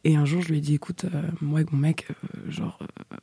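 A young woman telling a frank personal story in casual chat, chatty with many fillers, often dropping into breathy half-whispers. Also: sits low, fairly even intonation, brisk, dark tone. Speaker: storyteller guest.

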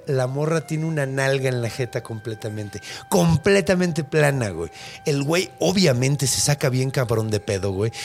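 A man's voice: mid-range voice, gravelly. A young man with a Mexican accent, hosting a podcast and telling folk tales in casual, slangy, swear-heavy chat. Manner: slangy, animated, swears a lot. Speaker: podcast host. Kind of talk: casual storytelling.

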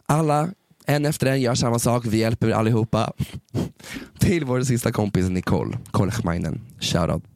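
A man's voice: mid-range voice, creaky, a little mellow, no room sound, clean studio sound. A man telling a drunk party story in casual chat, slangy, swearing and mixing in English phrases. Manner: laid-back and slangy, swears and mixes in English.

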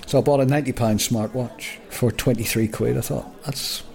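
A podcast co-host with a medium-pitched, gravelly, darkish voice speaks at normal speed in a steady tone. The conversation is casual and jokey, and he often stumbles and stammers as he restarts sentences.

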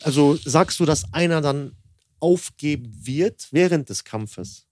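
Guy hosting a podcast, slightly high voice, dead dry studio sound, keeps talking over people. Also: expressive, unhurried, a little mellow, no echo. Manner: pushy, talks over others, repeats himself. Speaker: podcast host. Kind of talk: casual chat.

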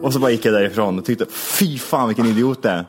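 A man chatting casually, laughing often as he tells animated stories. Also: medium pitch, soft background music. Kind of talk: casual podcast chat.

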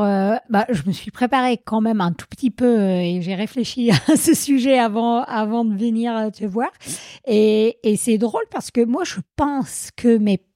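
A woman's voice: fairly high pitch, warm tone, no echo, clean studio sound. A woman from Vermont with an American accent, speaking French as a second language in a podcast interview, hesitant with many fillers and frequent laughs. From Vermont, United States. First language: English. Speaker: guest, trail runner.

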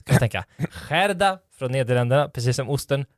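A man's voice: medium pitch, expressive, dry recording. A man co-hosting a podcast, telling short anecdotes in a dry, joking way. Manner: dry jokey storyteller. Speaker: podcast co-host. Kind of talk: casual chat.

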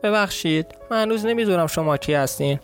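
A man's voice: sits high, lively intonation, voice pushed up. A bewildered, polite orphan boy with a southern Iranian accent, timid and apologetic, as a man puts on his voice. His voice is raised well above the reader's own, with faint music under the storybook reading.

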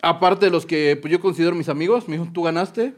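A man's voice: a little high, steady tone, fast. A Mexican man chatting as a guest, joking and explaining things in mock-serious tones. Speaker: guest, contestant. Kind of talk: casual chat.

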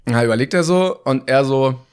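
With a clear, resonant, medium-pitched voice and a brisk pace, a podcast co-host tells a humorous story in casual conversation. He animatedly acts out the dialogue, shifting between voices.

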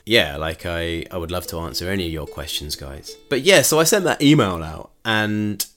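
A man's voice: low voice, lively intonation, normal speed, a bit bright, faint music behind. A man hosting his own podcast in a chatty, rambling way, laughing often and going off on asides. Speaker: podcast host. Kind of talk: casual solo podcast chat.

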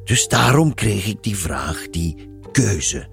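Deep, gravelly, slow-speaking male narrator. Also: big pitch swings, soft background music. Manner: reflective, musing storytelling. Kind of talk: scripted narration of a radio story.

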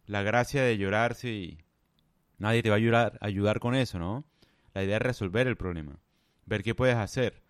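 A man's voice: mid-range voice, no echo, studio quality. Blunt man lecturing. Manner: blunt, lecturing, speaks straight to the listener. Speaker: advice vlogger. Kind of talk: monologue to camera.

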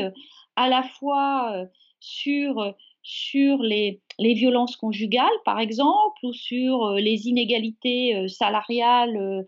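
Woman interviewee, fairly high voice, halting and reflective, many pauses, dull lo-fi sound. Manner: hesitant, many fillers and repetitions, measured. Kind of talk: spontaneous spoken answer. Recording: dull lo-fi recording.

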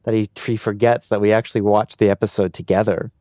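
A man's voice: on the low side, level tone, quick pace, warm tone, no echo. A young man co-hosting a podcast as the son, with dry and sarcastic remarks. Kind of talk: joking podcast banter.

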